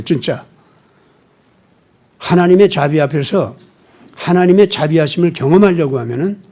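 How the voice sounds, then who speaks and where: High-voiced male pastor preaching emphatically. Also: dark tone. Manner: emphatic, acts out dialogue in his storytelling. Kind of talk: sermon. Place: church.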